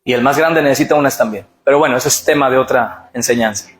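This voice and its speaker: A man's voice: mid-range voice, quick pace. A middle-aged man preaching a sermon, urging the congregation to repeat phrases aloud. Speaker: pastor. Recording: echoey church hall with music.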